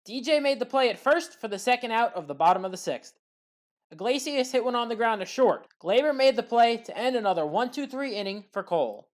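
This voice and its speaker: Recapping baseball highlights from a script, this female highlights commentator narrates the plays in an expressive but measured, fact-driven way.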